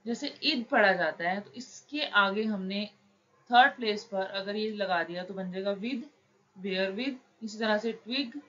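A woman teaching shorthand, explaining each word slowly and patiently, step by step. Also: fairly bright tone. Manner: slow, patient, drawn-out words. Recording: dull low-fi recording with faint noise.

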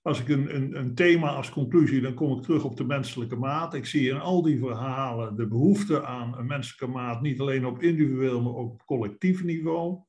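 An older man closes the session over a video call from a study lined with bookshelves. He speaks in a formal, articulate way at an even mid pitch. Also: a little fast, few pauses. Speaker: initiator. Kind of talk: concluding speech in an online meeting.

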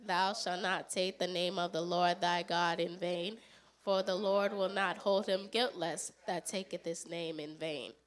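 A woman's voice: fairly low pitch, fairly even intonation, measured pace. A woman steadily reciting a formal scripture passage. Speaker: scripture reader.

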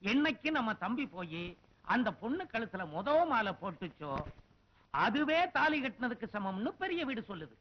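An actor playing a sly, wheedling village man who carries gossip and flatters, in a dull film soundtrack. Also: high-pitched, normal speed.

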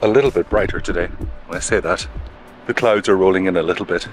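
Low-pitched and fast, a man gives wry, cheerful travel vlog narration into a handheld camera at arm's length, outside in the rain and within a campervan. The audio is poor, with music playing underneath.

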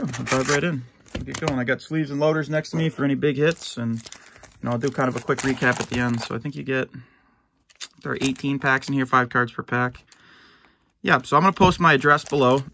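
A middle-aged man opening a box of sports cards for his channel, easygoing and rambling with lots of fillers and restarts, a little hoarse and clearing his throat now and then. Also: mid-range voice, background noise. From United States. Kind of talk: casual box-break commentary. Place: at home, in his basement.

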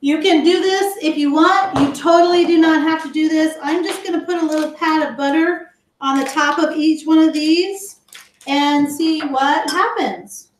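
A woman's voice: high voice, reverberant, slight background noise. A woman teaching a live online cooking class for kids, chatting with her viewers as she explains each step. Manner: chatty, slow and explanatory, talks to viewers as guys. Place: home kitchen.

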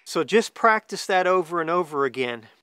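A man's voice: on the high side, expressive, moderate pace, pushed and bright, a little hiss or hum. A man around his forties from the United States, giving an informal how-to talk as a hunting instructor. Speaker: duck hunting guide and calling instructor. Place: outdoors among trees, seated.

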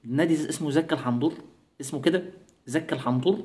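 A man's voice: fairly high pitch, fast, a little mellow. A man from Egypt with an Egyptian Arabic accent, giving sarcastic, mocking commentary in a comedic vlog. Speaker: YouTuber.

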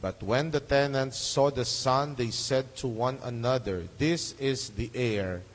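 A man reading the Gospel as a priest at Mass, measured and formal, in an echoing church. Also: mid-range voice. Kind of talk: solemn liturgical scripture reading. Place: large church during Mass. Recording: echoing church hall, long reverb.

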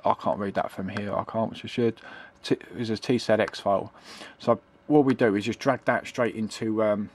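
At a home computer desk, a middle-aged man shows off retro computing in an offhand, unscripted tutorial, wandering, hesitating, and going over the same points again. His voice sits on the low side and stays steady, moving at normal speed with few pauses. The handheld camera's built-in microphone picks up slight background noise.

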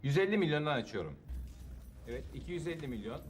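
A man's voice: fairly high pitch, big pitch swings, quick pace, soft background music. A man playing a formal auctioneer, announcing items and calling out rising bids. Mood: businesslike. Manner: announcing, repetitive calls. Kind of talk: auction patter in TV comedy.

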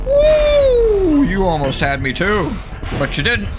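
Excitable young man with a very animated voice. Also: fairly high pitch, moderate pace, loud music behind the voice. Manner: excitable, exclaiming, swearing, playful silly wordplay. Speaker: video game streamer. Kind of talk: horror game let's play commentary.

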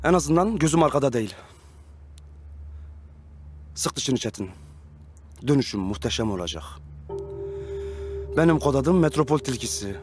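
A man's voice: medium pitch, lively intonation, normal speed, long pauses, darkish tone, faint music behind, natural voice. A man in his thirties playing a bossy, self-important revolutionary leader in a TV comedy-drama, commanding and pompous. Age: 30s. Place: furnished rooms of a house.

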